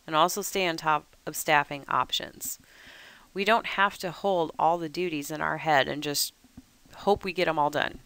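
Woman, lowish pitch, crisp clear tone, dry close voice-over, steady instructive read. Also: dry recording. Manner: measured, instructive, reads steadily. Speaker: weather service trainer. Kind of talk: scripted training narration over slides.

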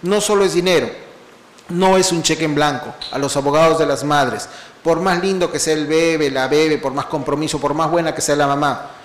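A man lectures at a legal seminar in a fairly high voice, piling up rhetorical questions and long spoken lists. His delivery is animated. The sound carries the echo of a roomy lecture hall. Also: a little fast, slight background noise. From Peru.

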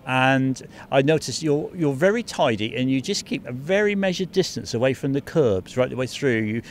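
A man's voice: medium pitch, animated, normal speed. Older man chatting in an outdoor paddock. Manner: chatty and friendly, with filler ums. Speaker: paddock interviewer. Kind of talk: casual motorsport interview. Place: outdoors in a race paddock beside a team truck. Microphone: handheld mic with fluffy windshield. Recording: faint outdoor background noise.

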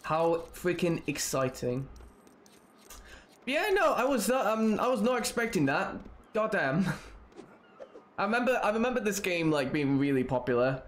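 A man's voice: sits high, sing-song, normal speed. A Scottish man in his twenties giving casual, sweary, rambling live gameplay commentary. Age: 20s. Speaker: game streamer.

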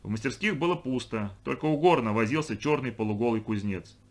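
A man reading a storybook aloud as narrator, expressive, lifting his voice for the children's lines. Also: mid-range voice, a little fast. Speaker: audiobook reader. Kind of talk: scripted narration.

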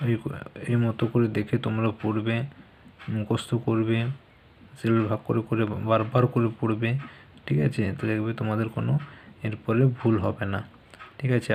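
A man gives a spelling lesson to children, sounding out each word and spelling it letter by letter at an unhurried pace. His voice stays level and even throughout, with a faint hiss in the background. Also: on the low side, gravelly. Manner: slow, spells out letters one by one. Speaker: teacher.

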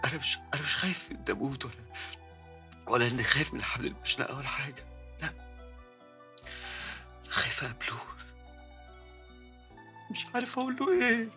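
A man's voice: medium pitch, big pitch swings, sharp tone, faint music behind, full character voice. A remorseful Egyptian man in anguish. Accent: Egyptian Arabic. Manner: despairing, confessional, halting. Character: remorseful guilt-ridden man facing execution. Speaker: imprisoned man confessing to a friend.

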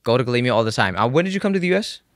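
A man's voice: medium pitch, big pitch swings, no room sound, clean studio sound. A young man from Burma hosting a podcast, introducing his guest in a casual, filler-filled way. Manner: easygoing, fillers, quick asides. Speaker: podcast host. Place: small indoor studio set. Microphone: handheld microphone.

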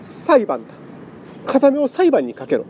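A man voicing a fussy, excitable scholar cat who lectures pompously. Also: high voice, quick pace, slight background noise, voice pushed up. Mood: excited.

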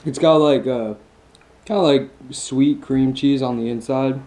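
A man's voice: medium pitch, measured pace, dark tone. A man in his twenties giving a casual mukbang tasting review, enthusiastic and chewing between lines with long mmm sounds. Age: 20s. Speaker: food vlogger.

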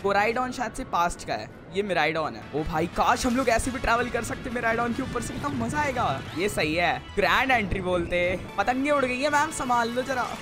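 A young man giving casual, excitable let's-play commentary, chatty and calling his viewers bro. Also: extremely high pitch, moderate pace, hardly any pauses, over music. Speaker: gaming YouTuber.

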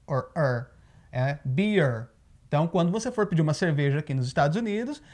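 A Brazilian man with a Brazilian Portuguese accent, giving a casual video lesson on English pronunciation and explaining patiently. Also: high-pitched. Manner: explains patiently, often checks in with "tá?". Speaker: English teacher. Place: living in the United States.

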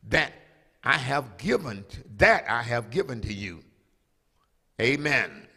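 An older pastor with a husky, mid-range voice preaches slowly, his pitch swinging widely, holding a microphone at the pulpit of a large sanctuary with long reverb. He calls out to the congregation for responses and draws out key phrases, rising into loud, emphatic proclamation.

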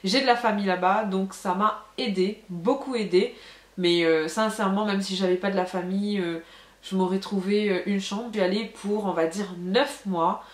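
A woman's voice: mid-range voice, steady tone, moderate pace. A young woman from France, talking frankly and casually about her studies and jobs, with lots of fillers. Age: young adult. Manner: chatty, frank, many fillers. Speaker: vlogger. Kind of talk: casual storytelling to camera. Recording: echoey room.

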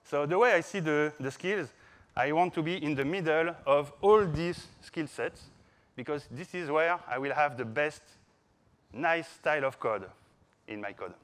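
Speaking a little slowly in a fairly high voice, a man from France in his thirties delivers a playful, informal conference talk with a French accent. He's a software developer addressing an audience from the stage of a large indoor conference hall.

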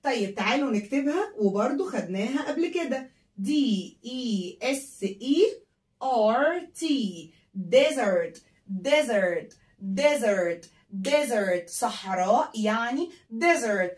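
A woman's voice: on the high side, expressive, normal speed, distant mic. A woman with an Egyptian Arabic accent teaching English vocabulary to children, spelling words letter by letter and repeating them for pupils to say after her. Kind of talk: classroom vocabulary lesson. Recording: echoey room, voice a bit off-mic.

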